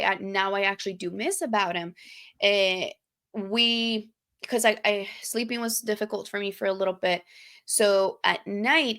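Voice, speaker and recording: A young woman co-hosting a podcast, telling personal stories in a candid, profane, animated way. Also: mid-range voice. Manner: candid, profane, acts out quoted lines animatedly. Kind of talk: casual storytelling chat.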